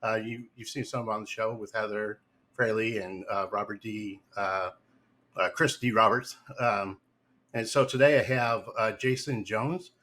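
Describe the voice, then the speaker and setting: A man's voice: fairly low pitch, fairly even intonation, measured pace, sharp tone. A man hosting a casual live podcast interview, talking loosely with many fillers and restarts. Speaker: podcast host.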